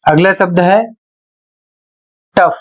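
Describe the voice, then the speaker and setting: A man teaching a spelling and pronunciation lesson, spelling words out letter by letter in a slow, deliberate way. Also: high-pitched, fairly even intonation. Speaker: English teacher.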